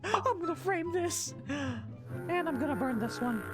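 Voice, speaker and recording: A man voicing a squeaky, excitable cartoon mouse in a shrill falsetto, with frantic shrieks. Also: moderate pace, over loud music. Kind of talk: animated cartoon voice acting.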